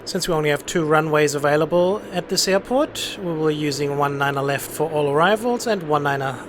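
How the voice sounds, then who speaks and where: A man's voice: fairly high pitch, a little fast. A man hosting a casual live game stream, commentating and giving instructions as an air traffic controller.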